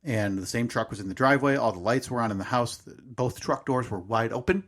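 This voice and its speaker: Speaking fairly quickly in a mid-range, slightly bright voice, this man in his thirties co-hosts a podcast. He tells a casual story hesitantly, wandering and correcting himself along the way.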